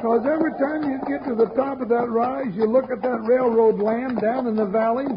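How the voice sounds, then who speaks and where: A folksy, complaining western sidekick with an extremely high voice. It is old radio western acting, heard on a muffled recording with clear noise. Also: male voice, steady tone, fairly quick. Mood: exasperated. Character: grumbling comic western deputy sidekick.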